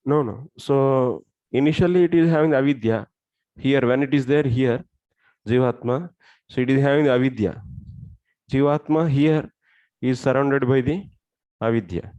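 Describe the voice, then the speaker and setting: A man's voice: medium pitch, moderate pace, long pauses, warm tone, no echo, muffled recording. South Indian man teaching scripture, dry sound. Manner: explains step by step, asking questions. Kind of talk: interactive religious lesson.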